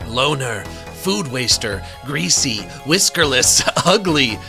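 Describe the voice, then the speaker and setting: A man's voice: medium pitch, animated, takes it slowly, vocal fry, music in the background. A man voicing a jeering horde of rats that spits clipped insults, read aloud from a video game. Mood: taunting. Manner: taunting insults in clipped bursts. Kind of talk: reading game dialogue aloud.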